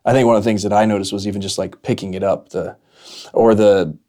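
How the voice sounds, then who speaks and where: An American man co-hosting a podcast, talking casually and conversationally, often halting and rephrasing as he goes. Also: lowish voice, fairly even intonation, dark tone. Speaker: podcast co-host.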